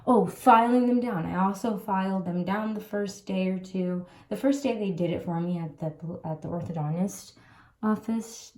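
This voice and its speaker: A young woman talks casually to camera from her bedroom, with a slight lisp. Her pitch sits in an ordinary middle range. She rambles loosely, full of ums and likes, like a personal vlog. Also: warm tone. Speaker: vlogger.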